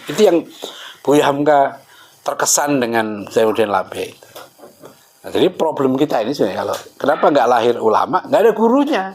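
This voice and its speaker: A middle-aged man telling stories in a casual talk, animated and laughing, acting out the voices of the people he quotes. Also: a little high. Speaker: speaker.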